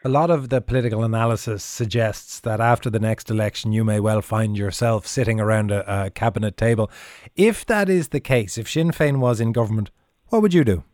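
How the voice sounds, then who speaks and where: A man's voice: fairly low pitch, fairly quick, a little mellow, no echo, clean studio sound. Insistent male radio interviewer. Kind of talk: probing political interview.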